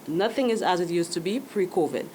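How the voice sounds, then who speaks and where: Measured woman in a news interview. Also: lowish voice, animated, a little mellow, slight background noise, poor audio. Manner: measured, uses fillers. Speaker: medical association president.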